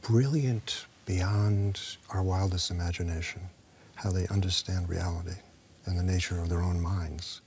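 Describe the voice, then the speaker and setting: Man, an actor, low and reflective, tells stories with acted voices, slips into whispers, faint background noise. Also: steady tone, measured pace, a little mellow. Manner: storytelling, acts out quoted dialogue, sometimes drops to a whisper. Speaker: actor being interviewed. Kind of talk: reflective interview talk.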